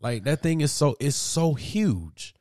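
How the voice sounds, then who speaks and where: A man's voice: on the high side, unhurried, no room sound, studio quality. A young man with a Southern US accent co-hosting a sports podcast, telling stories animatedly and mimicking people. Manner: animated storyteller, mocking voices. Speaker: podcast co-host. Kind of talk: casual sports podcast chat.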